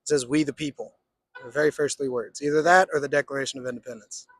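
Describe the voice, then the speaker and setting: A man's voice: mid-range voice, steady tone, fast, no room sound. A man from Texas with a Southern accent, chatting casually in a street interview in a folksy, hesitant way. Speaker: interviewee, construction laborer.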